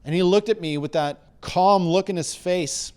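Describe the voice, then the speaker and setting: A man doing stand-up comedy, telling a story with animated, acted-out dialogue and shouted outbursts. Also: high-pitched, normal speed, slight background noise. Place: comedy bar stage.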